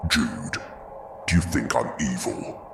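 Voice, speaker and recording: Frankenstein's monster, extremely deep and gravelly. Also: male voice, lively intonation, over music, full character voice. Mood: sombre, wounded. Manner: slow, brooding, solemn. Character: Frankenstein's monster, bitter grieving philosophical male creature, ancient at heart. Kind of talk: audio drama dialogue. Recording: clearly noisy background ambience.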